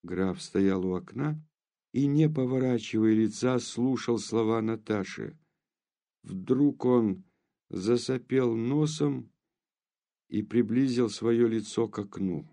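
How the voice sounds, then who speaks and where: A man narrating a classic novel as an audiobook in a measured, unhurried reading. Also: mid-range voice, gravelly, warm tone. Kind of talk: scripted literary narration.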